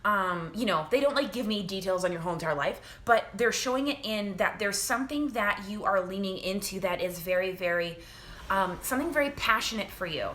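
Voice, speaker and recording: A woman giving a live spiritual reading from home, talking gently and repeating herself, with many fillers and restarts. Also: medium pitch, animated, brisk, a little hiss or hum. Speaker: spiritual reader.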